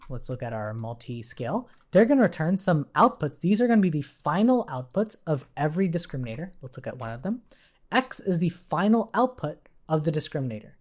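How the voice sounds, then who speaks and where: This man's voice is a little high and a bit mellow. He's a programming instructor leading a casual coding tutorial, explaining each step as he types and checking in through rhetorical questions.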